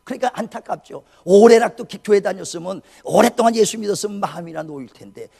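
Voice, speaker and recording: A pastor, a man in his sixties, preaching a sermon with emotional storytelling that swings between loud cries and hushed speech. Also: sits high, fast, gravelly.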